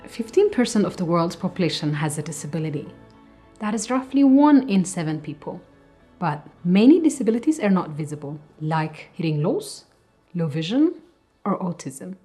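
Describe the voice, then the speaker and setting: A woman from Africa presenting a training module in calm, scripted narration. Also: fairly low pitch, normal speed, soft background music.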